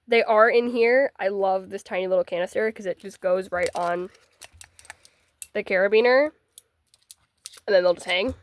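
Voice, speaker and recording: Teen girl vlogger, congested, chatty and self-mocking, mid pitch, dry sound. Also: no room sound. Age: teens. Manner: chatty, bubbly, self-deprecating asides. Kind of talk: casual packing vlog.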